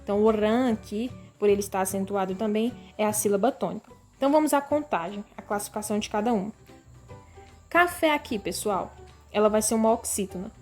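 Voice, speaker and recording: A Brazilian woman teacher giving a recorded grade-school language lesson, calling the class "pessoal" and drawing words out slowly so pupils can hear the stressed syllable. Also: medium pitch, a little mellow, soft background music. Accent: Brazilian Portuguese. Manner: slow, stretched-out word readings for pupils.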